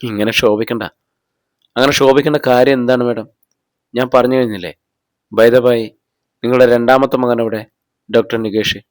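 A man's voice: medium pitch, steady tone, normal speed, long pauses, dry recording, lightly acted. A man reading the lines of a persistent police officer interrogating a suspect with pointed questions. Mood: accusing. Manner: probing, pressing questions.

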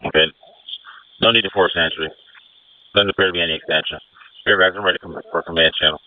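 A man acting as incident commander, giving brisk orders over a two-way radio. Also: low-pitched, fairly even intonation, no room sound. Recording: narrow phone-like radio channel.

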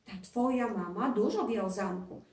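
A woman's voice: medium pitch, normal speed, darkish tone, natural voice. Woman reading as Boguś, a proud castle ghost. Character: friendly old castle ghost, proud and knowing. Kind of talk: children's story reading. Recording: roomy, distant mic.

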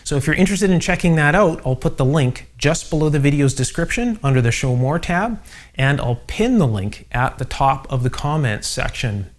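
A man's voice: a little high, lively intonation, moderate pace. Musing middle-aged man at a workbench. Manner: musing, thinks aloud with many fillers. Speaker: electronics channel host. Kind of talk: casual workbench demonstration. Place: home electronics workshop.

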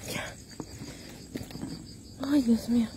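A woman's voice: very slow, warm tone, a little hiss or hum. A woman with a Mexican accent livestreaming a ghost hunt outdoors at a cemetery on her phone, exclaiming and repeating words to her viewers. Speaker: paranormal livestreamer. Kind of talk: live-streamed ghost hunt.

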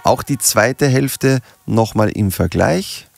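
A German man, a music producer, explaining audio software in a relaxed tutorial. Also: mid-range voice, slow, creaky.

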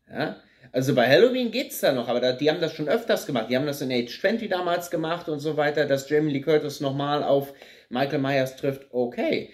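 A man in his thirties giving a critical, ranting film review with many fillers and repeated words, seated on a sofa in a small plain room. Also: medium pitch. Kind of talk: casual spoken film review.

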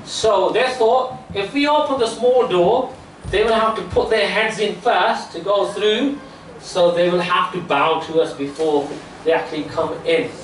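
A man's voice: high-pitched, unhurried. A man teaching children through storytelling, explaining step by step and often checking in with "right?" and "okay?". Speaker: children's religious camp teacher. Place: small indoor classroom full of seated children. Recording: distant, echoey room, faint background noise.

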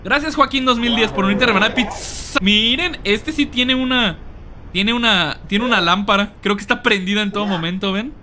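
A young man with a Mexican accent doing casual, joking let's-play commentary, excitable and swearing freely as he yells at the game. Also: high voice, fast talker, background noise. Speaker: gaming streamer.

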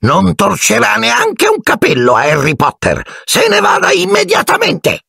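A man voicing an excitable little male house-elf in an audiobook, shrill and squeaky, shrieking and speaking of himself by name. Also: a little slow, vocal fry, breathy edge, no room sound, clean studio sound, exaggerated voice. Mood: fierce. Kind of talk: audiobook character voice.

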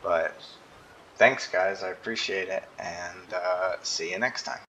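A tired man rambles through casual gameplay commentary in a deep, gravelly voice. He talks slowly, filling gaps with ums and yawns. There is a steady hiss of noise behind him. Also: dull audio. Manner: laid-back, rambling with many ums. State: tired and yawning. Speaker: gaming YouTuber.

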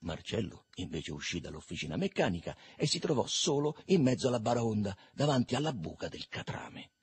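A man reading a literary novel aloud in a lively, expressive way. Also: mid-range voice, fairly quick, slight background noise. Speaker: reader.

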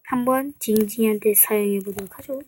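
A woman's voice: mid-range voice, fairly quick, darkish tone, a little hiss or hum, poor audio. A woman casually walking through a game trap, playful and teasing, with jokey mock threats. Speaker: gameplay creator. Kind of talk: casual game walkthrough commentary.

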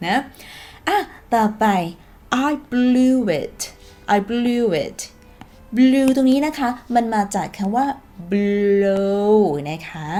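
A woman's voice: mid-range voice, warm tone. A woman with a Thai accent, a native Thai speaker, teaching English phrases in a chatty, playful video lesson and acting out sample dialogues.

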